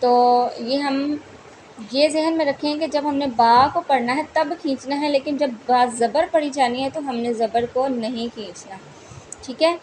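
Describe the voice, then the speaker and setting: A woman teaching Quran reading, patiently drilling each syllable slowly and repeating the rules. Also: sits high, darkish tone, a little hiss or hum. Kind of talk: slow step-by-step recitation lesson.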